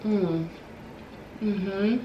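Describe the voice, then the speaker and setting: A woman's voice: medium pitch, fairly even intonation, very slow, muffled recording, slight background noise. A young woman vlogging while baking, talking casually and hesitantly with lots of ums and likes. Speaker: cooking vlogger. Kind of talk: casual chat. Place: home kitchen. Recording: echoey room, mic far off.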